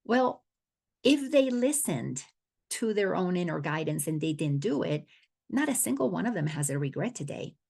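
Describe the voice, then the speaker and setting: A middle-aged awareness coach from the Dominican Republic teaches spiritual ideas in an earnest, unscripted way, often repeating a word as she restarts a thought. Her low voice has a gravelly fry yet is a little mellow and sing-song, at a normal speed.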